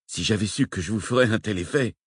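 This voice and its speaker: A man's voice: on the low side, fast talker, slightly rough, no echo, studio quality. A man doing a cheerful teasing rescuer.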